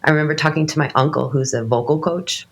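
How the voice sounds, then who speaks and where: A worship leader in her late thirties, fighting a cold, talks in loose, rambling casual conversation full of restarts and fillers. Her voice is low-pitched and she speaks quickly.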